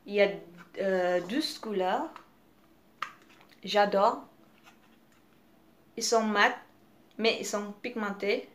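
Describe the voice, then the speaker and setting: A young woman, French not her first language, talks slowly through a casual makeup review. She hesitates often, stopping on fillers and restarting her phrases. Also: mid-range voice. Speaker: beauty vlogger.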